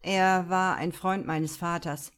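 A gruff, cynical male police detective, as a woman reader puts him on in a crime audiobook. He drops sour, sarcastic remarks in a low-set voice. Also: steady tone, slow. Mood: sober.

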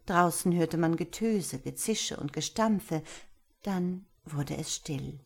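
A woman narrating a fairy tale in a measured, expressive storytelling manner. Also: deep voice, creaky, breathy edge. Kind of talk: audiobook fairy-tale reading.

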